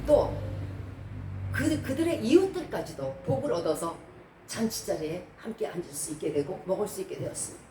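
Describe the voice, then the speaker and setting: During a service in a church hall, a woman preacher delivers a didactic sermon, putting rhetorical questions to her congregation in a mid-range, sing-song voice at normal speed. The recording is echoey and distant, with background noise.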